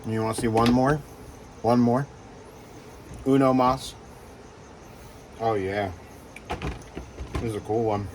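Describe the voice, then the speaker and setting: A man who breeds reptiles talks casually in a vlog while handling geckos, with lots of fillers and soft reassurances to the animals. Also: medium pitch, fairly even intonation, slow, pauses often, a little hiss or hum. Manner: rambling, filler-heavy, coos softly to the geckos.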